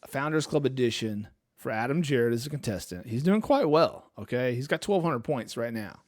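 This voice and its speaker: A man's voice: mid-range voice, expressive, moderate pace. A man hosting a casual movie trivia game with his brother, talking playfully and quoting lines. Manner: playful, quotes lines in put-on voices. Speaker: host. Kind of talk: casual chat, quiz hosting.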